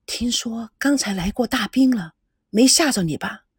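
A woman's voice: on the high side, animated, normal speed, breathy edge, dry recording, clean studio sound. Woman reading as a spirited young bride. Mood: gentle. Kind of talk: storybook reading with voices.

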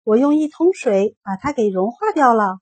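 Woman playing an earnest young girl, high, eager, husky edge, storybook voice. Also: expressive, moderate pace, darkish tone. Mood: firm.

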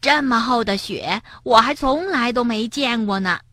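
A woman voicing a cheerful, feisty young male frog in a children's storybook, with lively exclamations. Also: on the high side, moderate pace, no room sound, studio quality, pitched above the performer's own voice. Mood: excited.

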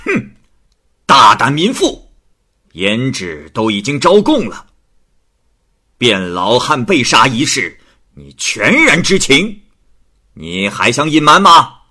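A man voicing a stern, imperious magistrate of old China, barking slow, threatening questions in a storytelling reading. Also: lowish voice, big pitch swings, pushed and bright, husky, full character voice. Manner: barks questions, drawn-out threatening delivery.

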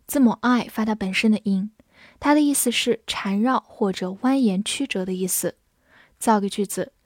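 Woman teacher, mid-pitched, slow and patient; spells words and reads example sentences aloud. Dry, close recording. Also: darkish tone, dry recording. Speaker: English vocabulary teacher. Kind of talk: vocabulary lesson narration.

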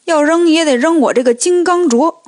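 A woman voicing a gruff, dismissive old male sage in a storybook tale, drawling slowly. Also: high-pitched, a little mellow, voice pushed up, close to an everyday voice. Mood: scoffing.

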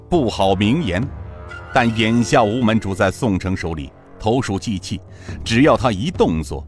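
A man narrating a serialized martial-arts story in a dramatic, rhythmic style. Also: fairly low pitch.

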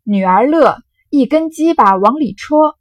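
A woman reading aloud as a crude, blustering young rich man, loud and halting. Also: high voice, lively intonation, no room sound, pitched above the performer's own voice.

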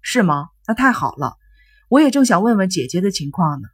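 A guilt-ridden young man speaks in a flat, subdued way, as a woman reading a novel puts him on. The voice is husky and breathy. He sounds withdrawn and weary. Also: mid-range voice, fairly quick. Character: troubled young man on the phone, remorseful, withdrawn.

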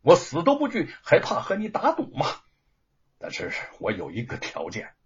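A man's voice: sits low, normal speed, a bit bright, slightly rough, voice pushed down, full character voice. A man voicing an earnest, defiant male scholar who speaks with passion. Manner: impassioned, pleading. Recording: dull lo-fi recording.

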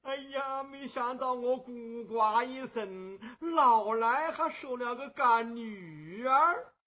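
A performer playing a soft-hearted old temple keeper, a man, in Huangmei opera, sighing and exclaiming with a breaking voice, on a dull lo-fi recording. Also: a little high, expressive, takes it slowly. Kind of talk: Huangmei opera stage acting.

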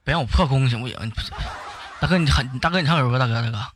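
A man's voice: medium pitch, fast, a little hiss or hum. A man, a livestreamer on a voice call, flustered, laughing and mocking himself. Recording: music playing loudly underneath.

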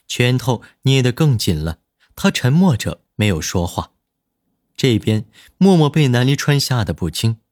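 A man narrating a romance audiobook in an expressive, storytelling manner at a close studio mic. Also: mid-range voice, no echo. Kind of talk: scripted dramatic narration.

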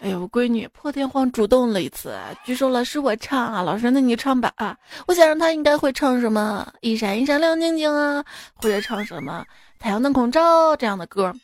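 A woman's voice: fairly high pitch, animated, fairly quick, a little hiss or hum. A woman hosting a radio joke show, telling jokes casually and acting out the quoted lines, often laughing at her own punchlines.

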